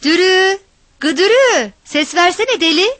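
A woman voicing a fiery village mother who calls out and scolds in a shrill, raised voice. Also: lively intonation, normal speed, a bit bright, no echo. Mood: shouting.

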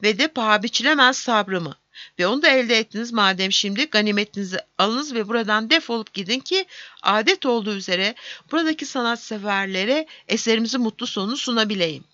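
A woman's voice: a little high, expressive, fast, bright, forceful tone, no echo, dull audio. A woman voicing an irritated, pompous male stage actor in a storybook, speaking mockingly. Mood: pompous, annoyed.

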